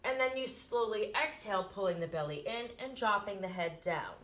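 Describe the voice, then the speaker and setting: A middle-aged woman giving casual yoga instruction as a teacher, explaining informally with soft emphasis and little pauses, recorded in a living room by a camera a few feet away. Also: medium pitch, lively intonation. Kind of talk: casual instructional talk, guided breathing demonstration. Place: carpeted living room, indoors.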